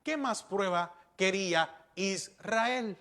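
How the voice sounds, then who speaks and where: A man's voice: high-pitched, slow pace, sharp tone. A man pastor preaching a sermon, asking rhetorical questions and repeating key words for emphasis.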